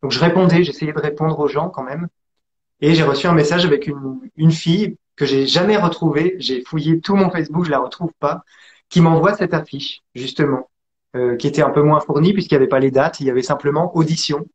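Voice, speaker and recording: A man's voice: on the high side, darkish tone. Hesitant French man, muffled sound. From France. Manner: hesitant, many filler pauses and restarts. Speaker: interview guest, acrobat and actor. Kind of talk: casual interview storytelling.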